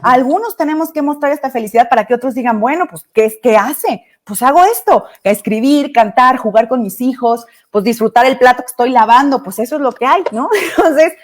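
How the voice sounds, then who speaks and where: Woman on a video call panel, punchy lists of commands, kinda high voice. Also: lively intonation, a little fast, few pauses. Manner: emphatic, rattles off lists of commands. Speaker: panelist, teacher and writer. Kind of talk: online panel talk.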